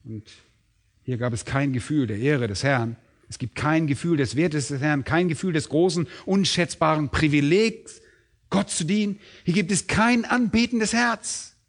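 Man, preacher, expository sermon, emphatic, rhetorical, fairly high pitch. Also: unhurried.

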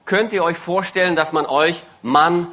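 A man with a bright, forceful voice, pitched a little high, interprets a sermon live. He follows the preacher phrase by phrase and echoes his emphasis, sometimes stumbling briefly and correcting himself. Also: unhurried. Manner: follows phrase by phrase, occasional hesitations and self-corrections.

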